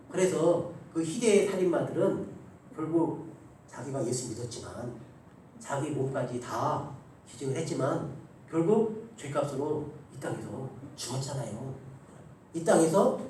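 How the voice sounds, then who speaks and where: A man's voice: mid-range voice, mellow, very echoey, recorded from a distance, a little hiss or hum, low-quality recording. A man preaching a Sunday afternoon sermon as the pastor. He acts out the voices of the people in his stories. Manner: congregation joins in reading scripture aloud. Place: church sanctuary.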